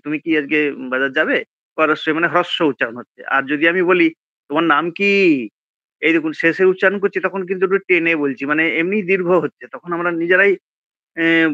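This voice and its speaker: Older man teaching in a hesitant, soft voice. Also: fairly high pitch, dry recording, lo-fi sound. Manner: hesitant, many fillers, drops to a soft trailing voice; slows to demonstrate pronunciations. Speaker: Gita and Sanskrit teacher. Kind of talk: informal online lesson.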